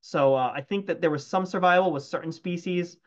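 A man's voice: a little high, fairly quick. Hesitant man on a lo-fi call. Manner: hesitant, many restarts and fillers. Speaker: entomologist answering questions. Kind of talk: casual Q&A after a talk. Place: home room, video call.

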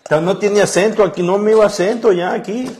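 A man who is a pastor co-hosting a faith-based talk show, reading verses slowly and telling folksy family anecdotes, often stopping to correct himself. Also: high-pitched, darkish tone. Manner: rambling storyteller, self-correcting. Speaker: pastor, radio co-host.

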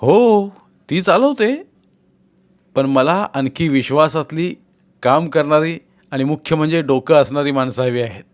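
A man's voice: a little high, measured pace, natural voice. A man voicing a shrewd, persuasive male village politician who keeps pressing and teasing his friend in a read-aloud novel. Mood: coaxing, persuasive.

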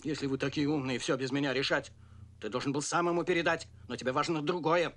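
A man's voice: on the high side, steady tone, fast talker, a bit bright, lightly acted. An actor playing a short-tempered, domineering male ringleader who barks orders at his partners and then turns cold and clipped, in 1970s film drama style. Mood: furious. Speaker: boss of a crooked business ring.

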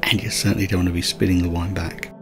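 Speaking quickly in a low voice with vocal fry and little pitch movement, a man narrates his countryside road trip. It is scripted travel voice-over from a vlogger, laid over music and dotted with light, chatty asides.

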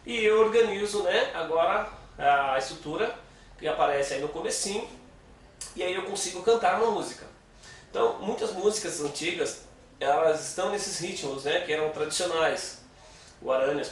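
A Brazilian guitar teacher gives a casual lesson, patiently explaining and counting beats aloud, with a slightly high voice at a moderate pace. The recording has a little hiss or hum, an echoey room, a distant mic, and guitar playing.

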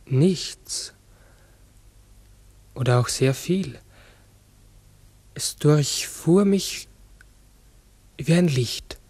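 An actor playing a large talking raven in a 1960s radio drama, brooding, uncertain and often correcting himself. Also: male voice, fairly high pitch, darkish tone, slightly rough, no room sound, full character voice. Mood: hushed wonder. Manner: halting, brooding, self-correcting. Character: human-sized talking raven, pensive, uncertain, forgetful.

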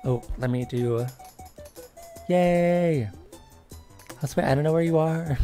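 Slow, bubbly young woman streamer. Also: low-pitched, mellow, faint music behind. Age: 20s. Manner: bubbly and giggly, with many little cheers. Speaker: livestreamer. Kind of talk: casual gameplay chat.

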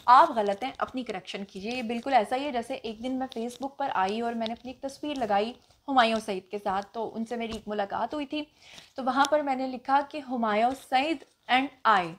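A woman's voice: fairly high pitch, normal speed, fairly bright tone, slight background noise. A woman vlogger with a Pakistani accent, a native Punjabi speaker, answering viewer comments in a casual Q&A, assertive and emphatic. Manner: assertive, emphatic, self-assured. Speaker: vlogger host.

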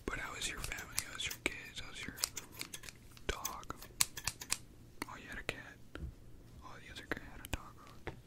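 A man's voice: normal speed, pauses often. A young man doing a whispered role-play as a barber, chatting casually with slang to the listener in a small room at home. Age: young adult. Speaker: ASMR creator playing a barber.

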